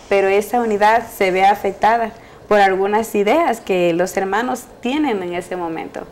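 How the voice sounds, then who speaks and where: A woman hosts a Bible study program in a TV studio. She greets her guests warmly and keeps the talk moving with questions. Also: mid-range voice, slight background noise. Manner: welcoming, asks questions to guests. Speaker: host.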